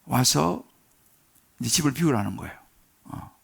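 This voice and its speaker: Gravelly middle-aged pastor preaching emphatically. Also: male voice, lively intonation, measured pace. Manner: swells loud and high on key words, drawn out; storytelling asides with fillers and tag questions. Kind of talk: sermon.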